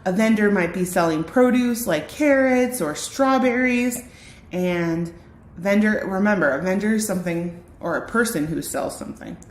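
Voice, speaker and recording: At a moderate pace and medium pitch, a woman teacher gives a read-aloud lesson from a picture book for children. She explains vocabulary and often asks the young viewers questions directly.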